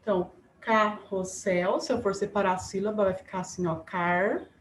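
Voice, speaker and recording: A woman teacher giving a remote class to young pupils, slow and patient, spelling words out syllable by syllable. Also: medium pitch, fairly even intonation. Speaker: primary school teacher. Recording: echoey room, faint background noise.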